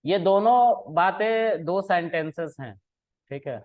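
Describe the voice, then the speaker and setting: A man's voice: high-pitched, animated, takes it slowly. A man giving a casual programming lesson, telling a personal story in a conversational way, often checking in with his listeners and mixing English phrases into his talk. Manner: conversational, frequent "ठीक है" and "है ना" checks; mixes English phrases into Hindi. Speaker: programming teacher. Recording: tinny phone-like audio.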